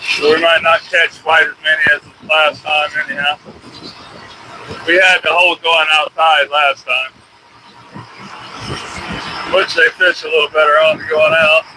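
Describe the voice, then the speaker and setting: A man's voice: fairly high pitch, level tone, unhurried, pauses often. A man chatting casually as he works outdoors on a shrimp boat, a fisherman hosting a live stream. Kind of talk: casual chat while working on a boat. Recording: loud boat motor noise. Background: loud motor and vehicle-like noise.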